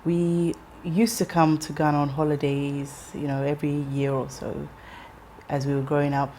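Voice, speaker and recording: Recounting her own life in an interview, she speaks in a low, steady voice: a woman in her thirties raised in England. Her delivery is thoughtful, with ums and false starts, and a faint hiss sits underneath.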